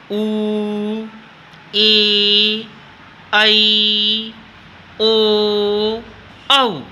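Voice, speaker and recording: A man's voice: extremely high pitch, pushed and bright, a little hiss or hum. A male school teacher giving a classroom grammar lesson, speaking directly to his students, repeating points and drawing out sounds in his demonstrations.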